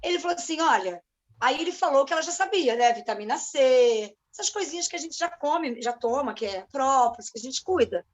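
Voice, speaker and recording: A woman with a Rio de Janeiro Brazilian accent telling stories in casual chat, animated and acting out the dialogue in different voices. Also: sits high, brisk. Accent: Brazilian Portuguese, Rio de Janeiro.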